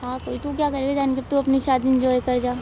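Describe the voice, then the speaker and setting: A woman's voice: high-pitched, little pitch movement, brisk, dark tone, slight background noise. A young woman in casual conversation, curt and sulky, answering with short refusals. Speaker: prank target.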